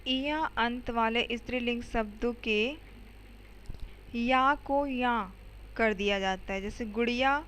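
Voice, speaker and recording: A woman's voice: fairly high pitch, slow, fairly bright tone, a little hiss or hum, poor audio. A woman teacher explaining grammar to schoolchildren step by step, often checking in with "okay" and asking the students questions. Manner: addresses students directly with questions.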